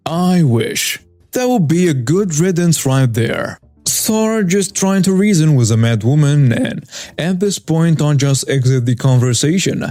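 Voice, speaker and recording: A man narrating a reader-submitted story in a steady, matter-of-fact way. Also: fairly high pitch, measured pace, no room sound, soft background music.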